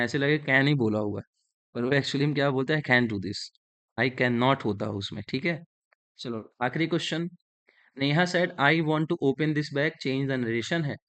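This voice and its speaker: A man with an Indian accent teaching an English grammar lesson in Hindi, slowly dictating sentences and explaining each step. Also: medium pitch.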